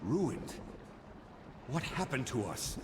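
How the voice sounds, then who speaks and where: An actor playing a grave, aggrieved old ghost in a video game, with a tired old voice and a solemn, reproachful manner. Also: male voice, mid-range voice, big pitch swings, slow, a little mellow. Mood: weary, grieving. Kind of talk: dramatic video game acting. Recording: echoing cavernous reverb, clear background noise.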